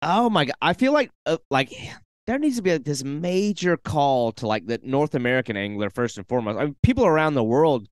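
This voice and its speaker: Smooth-voiced male podcast host. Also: on the high side, lively intonation, a little fast, no room sound. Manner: enthusiastic, earnest, with filler "like". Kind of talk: casual chat.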